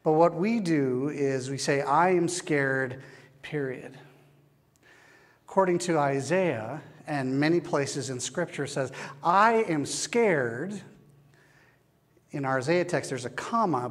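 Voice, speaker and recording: A man preaching a sermon as pastor, slow and measured with long pauses, recorded in a church. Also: mid-range voice. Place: church sanctuary. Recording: long church hall reverb.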